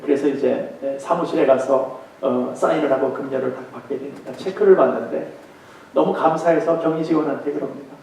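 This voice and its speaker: A man's voice: mid-range voice, fairly quick, gravelly, a little hiss or hum. A male pastor preaching emphatically and telling a story in a church sanctuary, recorded from a distance in a very echoey room. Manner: emphatic preaching, some passages told in a softer tone. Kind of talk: sermon with storytelling. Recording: echoey hall, far from mic.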